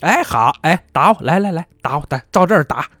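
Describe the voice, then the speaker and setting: A man voicing a short, scheming village man who wails loudly and plays the victim. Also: expressive, a little fast, breathy edge, no echo, soft background music. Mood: indignant. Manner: shrill wailing, playing the victim.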